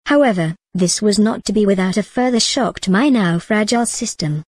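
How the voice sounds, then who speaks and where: A woman reading a story aloud in a measured, even manner. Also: mid-range voice, husky, no room sound. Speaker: narrator. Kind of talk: storybook narration.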